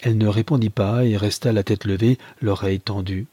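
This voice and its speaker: Deep, husky male audiobook narrator. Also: steady tone, fairly quick, dark tone, no room sound. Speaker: audiobook reader. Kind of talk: scripted narration of a classic novel.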